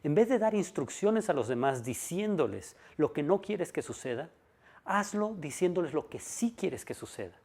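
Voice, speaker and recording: A man's voice: a little high, sing-song, normal speed, a little mellow. A man giving a monologue lecture on personal development, stressing key points by repeating them and asking rhetorical questions.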